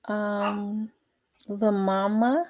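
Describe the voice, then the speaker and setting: A woman's voice: medium pitch, fairly even intonation, a little mellow. A woman hosting a casual livestream, greeting viewers by name with lots of ums. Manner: unhurried, reads out viewer names with many fillers. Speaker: livestream host.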